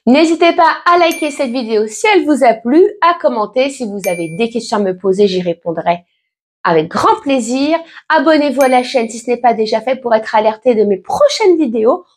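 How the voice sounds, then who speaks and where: A fairly quick, fairly high-pitched woman with lively intonation answers her viewers' questions in a laid-back vlog chat. Pregnant and in her late thirties, she reassures them warmly, her speech full of fillers and restarts.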